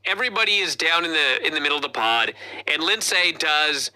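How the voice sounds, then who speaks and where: Lively profane play-by-play storyteller, very bright, swinging pitch. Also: fairly quick. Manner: profane, animated play-by-play retelling. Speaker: podcast co-host. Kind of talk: casual wrestling review chat.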